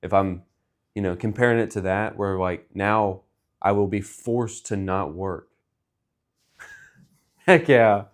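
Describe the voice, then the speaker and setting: A young man co-hosting a relaxed chat show. His voice sits a little low, and he rambles loosely with fillers and easy jokes. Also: unhurried. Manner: rambling, joking, lots of fillers. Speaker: podcast co-host. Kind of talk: casual chat.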